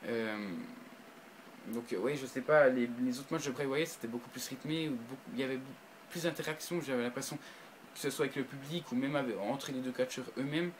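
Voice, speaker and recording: A man giving a casual spoken review to his viewers. He hesitates, restarts often and breaks into bursts of excitement. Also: medium pitch, a little fast, a little hiss or hum, poor audio. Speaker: video reviewer.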